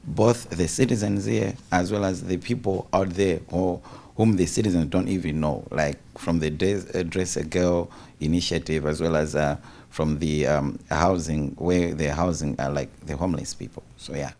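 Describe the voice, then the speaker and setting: A man's voice: deep voice, steady tone, normal speed, gravelly, hardly any pauses, a little mellow. A man reflecting on a studio panel as a visiting fellow, searching for words at an uneven pace.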